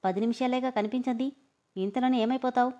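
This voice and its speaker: A woman voicing a gruff, teasing young man who speaks curtly and dismissively. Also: a little high, steady tone, fast, warm tone, highs cut off, natural voice. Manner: curt and dismissive.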